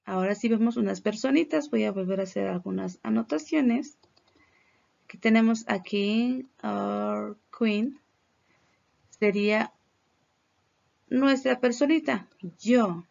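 A woman's voice: fairly high pitch, takes it slowly, vocal fry, long pauses, darkish tone, lo-fi sound. A woman from Mexico with a Mexican accent, teaching English in a recorded lesson, explaining patiently in Spanish and modeling English words for her students to repeat. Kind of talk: recorded classroom lesson on slides.

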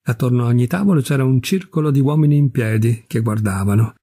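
A man reading a classic short story aloud in a measured, expressive storytelling manner. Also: mid-range voice, slightly rough, no echo, clean studio sound. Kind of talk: scripted literary reading.

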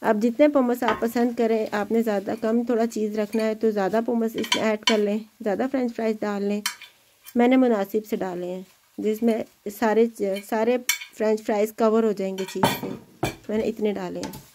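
A woman's voice: a little high, steady tone, moderate pace, background noise. A woman hosting a home cooking video, chatting in an encouraging way as she cooks in her kitchen. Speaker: home cooking channel host. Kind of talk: casual cooking demonstration.

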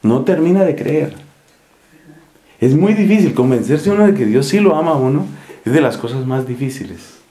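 Un hombre de Colombia, con acento colombiano, que predica en un retiro espiritual con tono conversador y humorístico, dramatizando escenas. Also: male voice, mid-range voice, expressive, moderate pace, dark tone. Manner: conversational, humorous, acts out scenes. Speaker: preacher leading a retreat. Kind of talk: retreat sermon. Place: monastery, indoors. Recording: echoey room.

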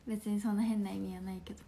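A woman in her twenties from Fukuoka with a Hakata accent, chatting playfully on a phone livestream at home, laughing often and slipping into soft asides. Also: mid-range voice, vocal fry, slight background noise. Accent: Hakata dialect. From Fukuoka, Japan. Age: 20s. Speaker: livestream host. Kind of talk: casual livestream chat reading viewer comments.

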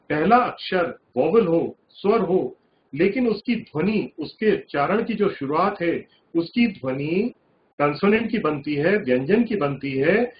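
A male teacher giving a grammar lesson to children, explaining slowly and repeating points, checking often whether they follow. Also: a little high. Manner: slow, repetitive explaining with check-in questions. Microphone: video-conference link. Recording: dull lo-fi sound with faint hiss.

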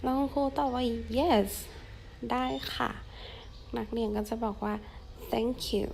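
A young woman who teaches English with a Thai accent and repeats each phrase slowly for her pupils to say back. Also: a little high, fairly even intonation, vocal fry, slight background noise. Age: young adult. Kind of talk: slow, drawn-out classroom teaching.

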